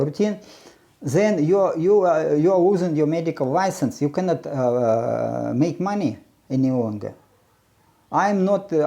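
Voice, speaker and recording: Here a man from Ukraine, gravelly yet mellow and fairly high-pitched, talks about his self-run research project in an unscripted, casual monologue. His delivery halts, restarts and fills gaps with sounds, and his views come out blunt and opinionated.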